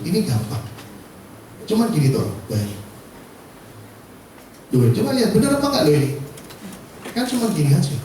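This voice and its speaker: A man's voice: on the high side, dark tone. A man, giving a joking, self-mocking motivational talk to a class of insurance agents, often laughing and asking the audience questions. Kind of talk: lively motivational seminar talk. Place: classroom seminar. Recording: echoey room, speaker far from mic, faint noise.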